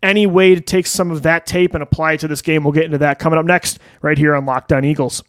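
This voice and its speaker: A man's voice: fairly high pitch, steady tone, fast, no room sound. A man hosting a sports podcast, talking in an incredulous, conversational way. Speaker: podcast host. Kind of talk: casual sports chat.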